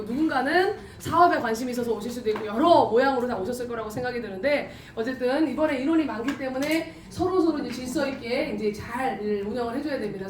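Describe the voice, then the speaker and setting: A middle-aged woman hosting a camp event, speaking to a large audience in a lively way and laughing often. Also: fairly high pitch. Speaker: event host. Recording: echoey hall, distant mic, crowd noise.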